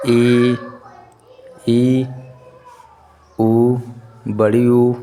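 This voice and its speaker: Slow, repetitive male teacher. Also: medium pitch, darkish tone, clear, resonant tone. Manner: asks the students questions and answers them himself, repeats key terms slowly. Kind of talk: classroom-style lesson.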